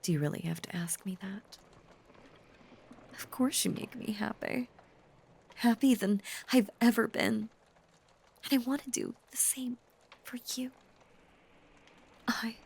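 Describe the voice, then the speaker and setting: For an intimate audio roleplay, a woman voices a possessive, obsessive female werewolf lover, breathy and often whispering. She delivers her lines haltingly and intensely, confiding in a way that's tender yet menacing, with a fairly high, darkish, exaggerated voice.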